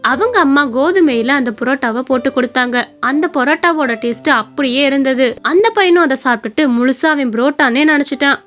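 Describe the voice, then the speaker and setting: A woman's voice: sits high, a little fast, few pauses, fairly bright tone. A woman narrating a cartoon story and speaking to viewers directly. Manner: plain storytelling, addresses viewers.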